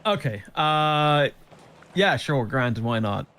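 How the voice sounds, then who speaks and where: A man's voice: mid-range voice, animated, slow pace, fairly bright tone, clear, resonant tone. A man presiding as judge in a game role-play, playful and self-mocking as he reads out charges.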